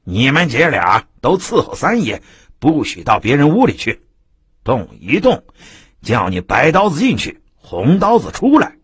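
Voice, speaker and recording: A man's voice: fairly low pitch, wildly swooping pitch, unhurried, fairly bright tone, breathy edge, dry recording, studio quality, exaggerated voice. A man voicing a swaggering, coarse male constable who gloats and threatens. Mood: menacing.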